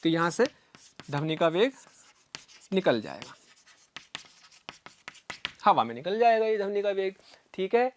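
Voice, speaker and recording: A man's voice: high-pitched, big pitch swings, a little slow, long pauses, slight background noise. A man teaching physics in a recorded lecture. He explains step by step, often checks in with his students, and repeats sounds aloud to demonstrate.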